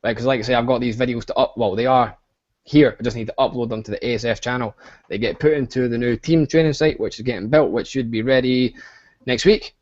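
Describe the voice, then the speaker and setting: A young Scottish man hosts a casual online webinar pitch over a video call, hyped and rambling with lots of fillers. He talks fast at medium pitch with a darkish tone, and the audio is lo-fi.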